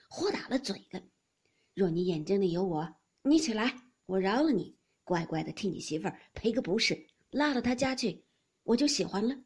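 Woman doing stern elderly grandmother, sharp scolding, lively swings, breathy, audiobook. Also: fairly low pitch, heavily acted. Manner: sharp scolding, then teasing. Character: elderly matriarch grandmother, scolding yet doting.

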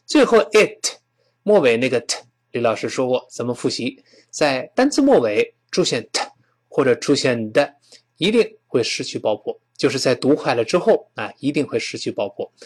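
Lively-voiced man teaching phrases. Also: medium pitch, slightly rough. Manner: explains patiently, models English phrases slowly and repeats them. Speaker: English teacher. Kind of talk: spoken English lesson.

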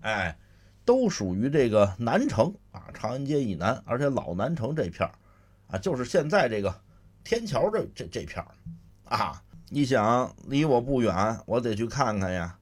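A man's voice: medium pitch, very animated, moderate pace. A man with a Beijing accent performing solo comic storytelling, chatty, with explanatory asides to listeners. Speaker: solo crosstalk comedian.

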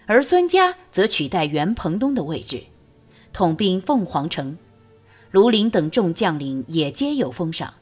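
A woman narrating a novel as an audiobook, reading in a lively, expressive storytelling way. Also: fairly low pitch, breathy edge.

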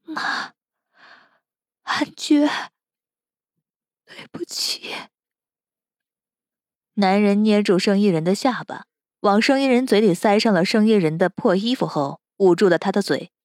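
A woman narrating a web novel audiobook in an expressive, dramatic reading. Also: medium pitch, brisk, no echo, studio quality.

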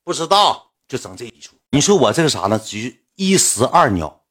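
A man's voice: medium pitch, brisk, breathy edge. A man with a Northeastern Mandarin accent telling a personal story in casual, colloquial speech, repeating phrases as he goes. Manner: colloquial, repetitive, animated retelling.

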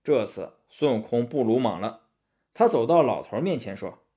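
A man narrating a storybook in an expressive, rising-and-falling storytelling manner. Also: medium pitch, normal speed.

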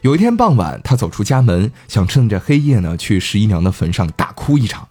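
A man hosting a podcast, telling a folk tale in a chatty, animated way. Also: fairly low pitch, brisk, slightly rough, soft background music. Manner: chatty, animated, laughing asides. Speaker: podcast host. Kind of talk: casual storytelling.

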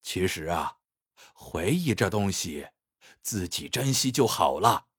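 A man's voice: on the low side, animated, moderate pace, slightly rough, no room sound. A man voicing a friendly, shrewd middle-aged male photo studio owner with a chatty, reassuring salesman tone. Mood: consoling.

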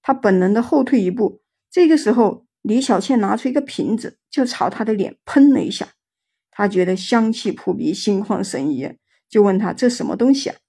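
A woman storyteller host narrating a ghost story in a chatty, relaxed way with many filler words. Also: medium pitch, normal speed, creaky, breathy edge.

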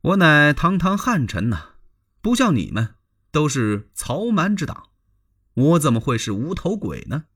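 A man's voice: a little high, sing-song, unhurried, fairly bright tone, slightly rough, voice pushed up, heavily acted. A man telling a traditional story, voicing an arrogant young male scholar who speaks with haughty scorn. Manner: haughty, wailing and mocking.

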